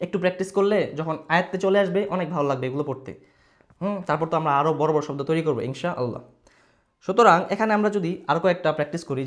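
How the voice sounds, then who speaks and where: A patient male teacher, speaking a touch higher than most men. He spells out letters and syllables one by one, repeats them over and over for his students, and drops English words into his talk. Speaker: Quran reading teacher. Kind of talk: online reading lesson.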